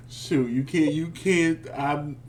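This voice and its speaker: A man in his thirties co-hosting a casual review chat, sassy and animated, calling people "honey.". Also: fairly high pitch, a little hiss or hum. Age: 30s. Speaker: podcast co-host.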